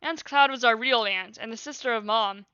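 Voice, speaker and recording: A woman's voice: a little high, moderate pace, bright, forceful tone, clean tone, no room sound, lo-fi sound. A young woman in her late teens, a streamer, reading her childhood journal aloud with laughing casual asides.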